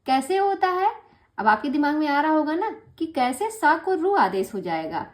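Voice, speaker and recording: A woman teaching an online grammar class, patient and encouraging, slowing down to spell out each rule. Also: sits high, very animated. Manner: encouraging, patient explaining, slows to spell out rules.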